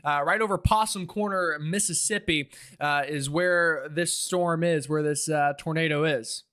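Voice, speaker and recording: A man hosting a live weather stream, giving informal, urgent and excitable storm commentary while thinking aloud. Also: fairly high pitch, a little slow.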